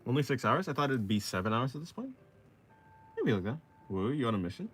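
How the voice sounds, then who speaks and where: Speaking fast in a sing-song, mid-range voice, this young man streams his drawing sessions live. He's in his twenties and laid-back, reading his viewers' chat aloud and answering as he works.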